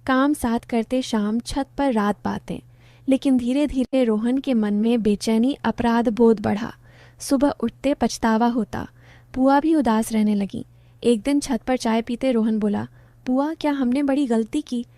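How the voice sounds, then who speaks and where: Mellow-voiced woman narrating a story. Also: fairly high pitch, unhurried, no room sound.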